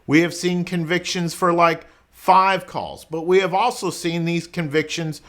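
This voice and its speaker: This criminal defense lawyer speaks to camera in a casual explainer, his voice on the high side and fairly bright. He keeps things colloquial and conversational, frequently throwing out rhetorical questions.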